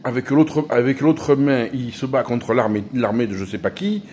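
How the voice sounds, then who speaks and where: A man's voice: medium pitch, animated, moderate pace, darkish tone, a little hiss or hum. A man, rambling and joking in a casual vlog monologue, often restarting his sentences. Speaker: YouTuber.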